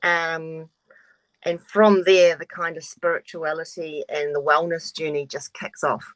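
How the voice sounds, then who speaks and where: A woman in her forties introduces herself with frank openness, now and then letting a curse slip. Her voice sits fairly low. It comes through a video call with a dry, close sound. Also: flat delivery, a little slow, no room sound, low-quality recording. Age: 40s. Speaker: course participant.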